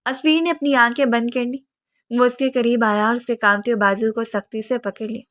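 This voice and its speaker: Woman reading a romance story aloud, steady pace, a bit high voice. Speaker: narrator. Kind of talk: scripted narration of a romance novel.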